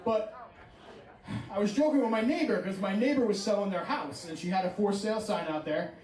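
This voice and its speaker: Male stand-up comic with a fairly high voice and a chatty delivery. Echoey club sound, crowd audible. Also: a little fast, darkish tone. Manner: self-deprecating and conversational. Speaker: stand-up comedian. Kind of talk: stand-up storytelling. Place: stage before a live audience. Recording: echoey room with a far-off mic and a laughing crowd.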